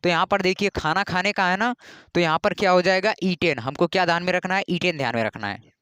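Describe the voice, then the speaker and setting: A man from India gives an English grammar lesson in a high, clear, smooth voice. He is patient and repeats each rule, spelling words letter by letter. The sound is dry and close, with no room echo. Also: fast, a bit bright.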